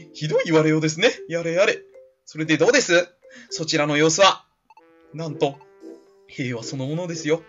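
A man voicing a calm, polite and mysterious adult male team leader in a game, in soft, composed tones. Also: fairly high pitch, moderate pace, pauses often, soft background music, natural voice. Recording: slightly dull lo-fi recording.

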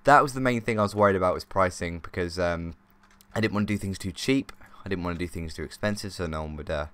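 A man's voice: low voice, fast talker, a bit bright, clean tone. A man hosting a let's play, giving chatty, easily sidetracked commentary as he plays. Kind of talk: casual gameplay commentary.

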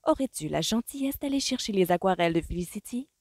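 A woman's voice: lowish voice, sing-song, fairly quick, dark tone, no echo, studio quality. A woman reading an audiobook voices a fussy, overbearing society mother who speaks insistently, barely hiding her irritation. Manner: insistent, poorly hidden irritation.

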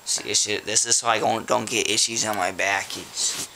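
A very drunk man in casual chat, rambling and swearing in a gravelly voice. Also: on the low side, steady tone, moderate pace. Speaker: drunk friend being recorded. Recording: hissy, noisy home recording.

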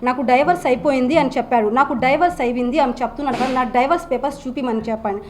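Young woman with a Nellore Telugu accent, aggrieved press statement, high voice, rapid delivery. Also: a little hiss or hum. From Andhra Pradesh, India. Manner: urgent, aggrieved, many restarts and repeats. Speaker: wife speaking at a press meet.

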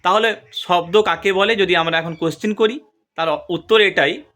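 A young man teaching a grammar lesson, spelling words out letter by letter and drawing syllables out slowly, asking questions and then answering them himself. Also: sits high, bright, forceful tone. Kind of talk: spoken classroom lesson.

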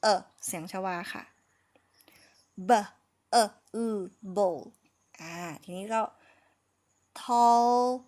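A woman with a Thai accent teaching English phonics in a relaxed lesson, slowly sounding out words syllable by syllable and laughing at her own slips. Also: mid-range voice.

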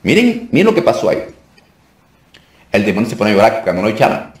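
A somewhat low-voiced man teaches a course in an informal, emphatic way. He repeats key phrases and keeps checking that his listeners are following. The sound is roomy and echoey. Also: big pitch swings, quick pace, a little mellow. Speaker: deliverance minister teaching a course.

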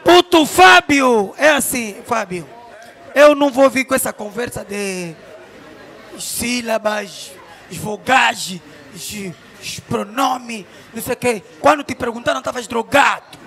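A man with a remarkably high voice roasts his target in crude, mocking stand-up style. He shifts between shouted jabs and sing-song teasing. A faint audience can be heard behind him. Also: a little slow, a faint crowd. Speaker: comedian.

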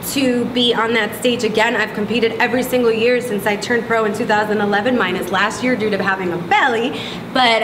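A woman in her thirties, a bodybuilding competitor, talking excitedly and laughing often in a casual interview in a gym. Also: mid-range voice, background noise. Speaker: pro bikini competitor, interview guest. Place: large indoor gym, in front of a logo wall. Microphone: far camera mic. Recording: echoey room, picked up from a distance, with clear ambience.

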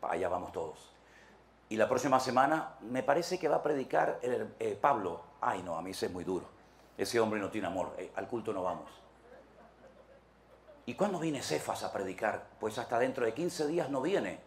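A man voicing a fickle, gossiping churchgoer in a low, muttering tone. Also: animated, moderate pace, a little hiss or hum. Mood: gossipy. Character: fickle, gossiping churchgoer, petty and self-satisfied.

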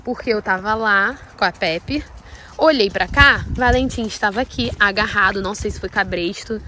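Trembling with nerves, a Brazilian woman who vlogs about horses speaks to camera in casual vlog style while holding it herself outdoors in the rain at a horse farm, shouting at one of the animals. Her voice is medium-pitched with a Brazilian Portuguese accent and normal speed, and a little hiss or hum can be heard.

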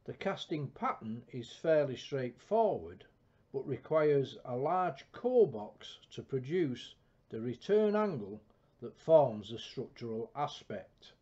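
A man giving a scripted, measured technical narration of an engineering build, with a dull lo-fi recording. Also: medium pitch, sing-song, darkish tone. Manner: measured, precise technical delivery. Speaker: project narrator.

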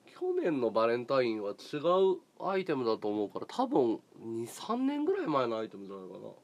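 A man hosting a livestream, chatting casually with viewers in a relaxed way, often chuckling and thinking aloud. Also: mid-range voice, brisk. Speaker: livestream host.

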